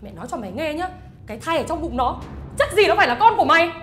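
A woman playing a shrill scheming mother-in-law. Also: very animated, rapid-fire, fairly bright tone, soft background music. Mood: scornful. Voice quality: shrill, scornful, melodramatic wailing. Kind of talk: web drama acting.

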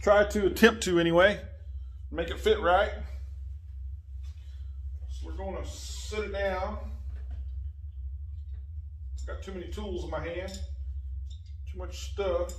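A man in his forties, a motorcycle vlogger, casually narrates a windshield install in his garage, talking as he works with his hands and drifting away from the phone camera and mic. His voice is high-pitched with fairly even intonation, and he speaks slowly with frequent pauses. The audio is poor, with slight background noise.

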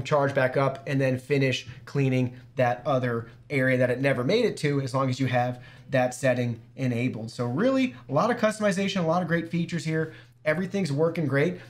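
A man with a somewhat high-pitched voice reviews a gadget in a loose, easygoing way. He walks through menus step by step and talks straight to his viewers. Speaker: product reviewer. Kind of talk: casual app walkthrough demo.

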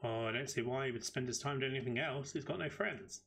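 A British man giving chatty, excitable live commentary as he streams a game at his desk microphone. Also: medium pitch, fast talker, gravelly. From United Kingdom.

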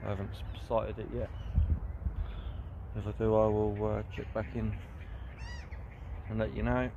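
A man's voice: on the low side, level tone, unhurried, gravelly, lo-fi sound, background noise. A man recording a casual outdoor video diary as a wildlife photography vlogger, talking hesitantly with many ums. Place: outdoors by water in nature.

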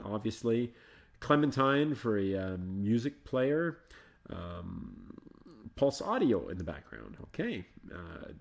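A man's voice: on the low side, creaky. Chatty man narrating a screen demo. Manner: chatty, thinks aloud, coaxes the software. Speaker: host of a live Linux show. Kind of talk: casual live screencast commentary.

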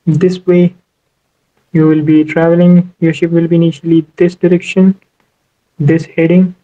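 Flat, mellow-voiced male navigation tutor. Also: fairly high pitch, muffled recording. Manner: steady explanatory tone, repeats "you know" and "so". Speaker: maritime navigation instructor. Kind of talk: screen-recorded whiteboard tutorial. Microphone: voice-over for a tablet screen recording.

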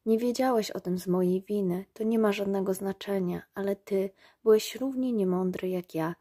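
A woman's voice: mid-range voice, normal speed, warm tone, close to an everyday voice. Woman voicing a proud, tender rose.

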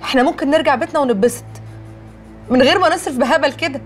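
A woman with a natural, high-sitting voice speaks at a racing pace over soft background music. She's an actress with an Egyptian accent playing a chatty young wife and daughter, a peacemaker who coaxes her husband and soothes her mother, sometimes with a mild note of reproach.

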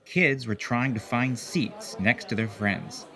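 A man reading a picture book aloud as narrator, with slow, expressive storytelling. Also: medium pitch.

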